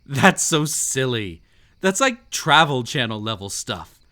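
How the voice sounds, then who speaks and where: With an exaggerated voice, a man plays a teasing stranger who hosts a haunted manor full of glass, hiding a quietly sinister side. Mid-pitched and very expressive, he tells a drawn-out story with slow, dramatic pauses in a mood of amused disbelief, addressing the listener in immersive roleplay audio.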